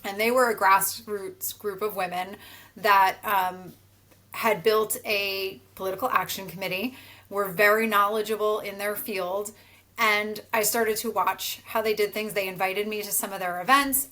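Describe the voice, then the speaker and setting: A woman's voice: medium pitch, sharp tone, low-quality recording. A woman in her forties from New Jersey, a teacher answering interview questions in an earnest, storytelling way with occasional restarts. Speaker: podcast guest, teacher and activist.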